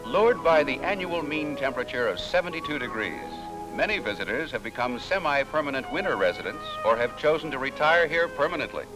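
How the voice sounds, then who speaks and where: An old-fashioned newsreel narration from a man with a middle-pitched, lively voice that rises and falls freely. He sounds upbeat and promotional throughout. Loud music plays under his scripted voice-over. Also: a little fast, hardly any pauses, rough recording.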